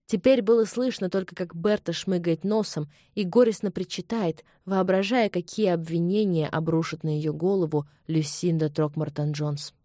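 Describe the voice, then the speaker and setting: A woman narrating a romance novel as an audiobook, in an expressive, dramatic reading. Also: on the low side, moderate pace, few pauses, dry recording, clean studio sound.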